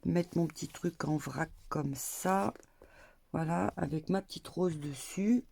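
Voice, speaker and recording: Older woman, grandmother, crafting vlog, slow rambling chat, gravelly voice. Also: deep voice, darkish tone. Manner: chatty, rambling, full of hesitations and little asides. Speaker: crafting vlogger. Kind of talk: casual crafting tutorial chat. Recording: faint background noise and clicks.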